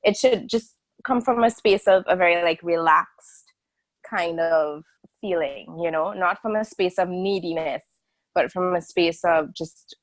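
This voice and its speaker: A woman's voice: fairly low pitch, unhurried, no echo, poor audio. A woman in her early thirties, from a small island country, speaking as an interview guest on a video call in a candid, rambling way full of fillers and restarts. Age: 30s. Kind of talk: casual video-call conversation.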